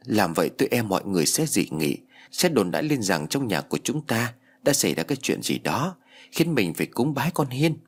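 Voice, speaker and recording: Man doing a hesitant old village man, husky, plain voice, storybook audio. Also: lowish voice, big pitch swings, a little fast, full character voice.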